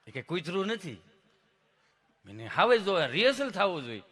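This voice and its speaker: A man's voice: high voice, big pitch swings, normal speed, pushed and bright. A man with a Kathiawadi Gujarati accent telling folksy stand-up jokes and laughing at his own jokes. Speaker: comedian.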